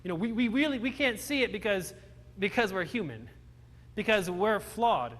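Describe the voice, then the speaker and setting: His voice sits high with a fairly bright tone, animated and at normal speed, echoing in a large hall. The young Romanian-born motivational speaker tells a live audience his life story, joking at his own expense and regularly restarting sentences.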